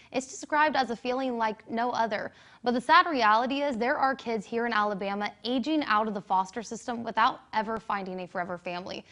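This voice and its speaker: Woman news anchor reading the intro, voice a little on the high side. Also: a bit bright. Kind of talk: scripted news presenting.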